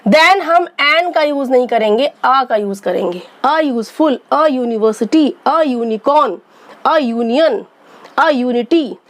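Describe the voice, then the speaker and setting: A woman gives a patient, explanatory English grammar lesson, repeating points and answering the questions she poses. Her high voice has lively intonation, and she speaks slowly.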